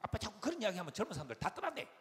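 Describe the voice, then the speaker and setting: A woman's voice: mid-range voice, very animated, pitched above the performer's own voice, natural voice. A man voicing his chatty, teasing grown-up younger daughter, coaxing and cheeky. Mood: lecturing. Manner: coaxing, cheeky, quick-tongued. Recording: long hall reverb, faint noise.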